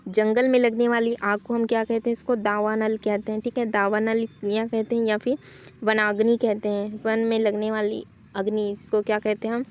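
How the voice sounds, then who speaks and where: A woman's voice: on the high side, flat delivery, normal speed. A woman teaching a Hindi spelling lesson for exam practice, explaining each answer step by step and asking questions as she goes.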